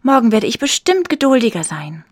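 A woman's voice: a little high, big pitch swings, fairly quick, a little mellow, husky, no room sound, studio quality, voice pushed up, exaggerated voice. A woman voicing a kind, eager little girl in a children's story.

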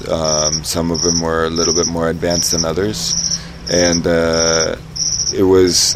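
A man from Ecuador being interviewed, speaking thoughtfully with many fillers and restarts. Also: sits low. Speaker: interviewee, engineer and dance teacher. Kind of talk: casual interview. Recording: outdoor noise with loud crickets. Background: loud crickets and insects.

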